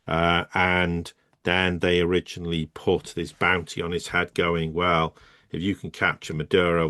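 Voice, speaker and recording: A man's voice: low voice, a bit bright, no echo, clean studio sound. A man, co-hosting and giving emphatic, rambling geopolitical commentary. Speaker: co-host.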